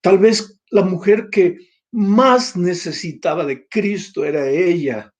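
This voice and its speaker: A man's voice: sits high, slow pace, darkish tone. An older man with a Peruvian Spanish accent, preaching a sermon and telling an emotional story, often rising to emphatic cries. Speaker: pastor.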